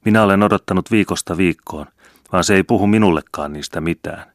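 A desperate farmer's wife, voiced by a male reader pleads through tears. The voice stays very deep and sounds close and dry. It is an audiobook reading. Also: no echo. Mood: tearful.

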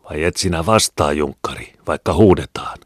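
A man reading an audiobook voices a poor, harried peasant mother who scolds loudly. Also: very deep voice, no echo, clean studio sound. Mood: scolding. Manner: scolding, raised voice.

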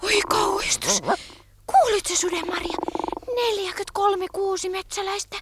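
An actress voicing a small, timid, fretful forest creature in a radio play. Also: female voice, extremely high pitch, fairly even intonation. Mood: anxious. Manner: fretful, anxious. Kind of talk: vintage radio play acting. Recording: noisy old radio recording.

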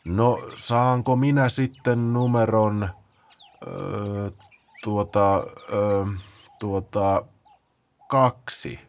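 A man voicing lazy, sleepy sloths for a children's storybook, drawling very slowly with yawning hesitations. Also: lowish voice, little pitch movement, lightly acted.

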